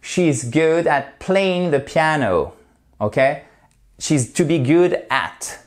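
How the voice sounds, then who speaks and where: A man's voice: a little high, expressive, slow pace. A man teaching English in an online video lesson, explaining patiently step by step and addressing viewers as dear friends.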